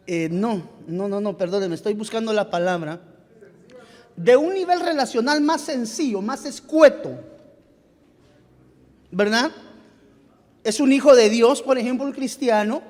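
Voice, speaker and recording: A male pastor with a Guatemalan Spanish accent and a very high voice preaches in a church sanctuary, the long reverb of the hall around him. His delivery is halting: he searches aloud for words, restarts phrases and calls his listeners "beloved brother".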